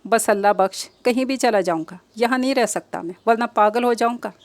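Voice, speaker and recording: A woman's voice: a little high, no room sound, close to an everyday voice. Woman voicing a guilt-ridden grieving young man. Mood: despairing. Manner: anguished, pleading.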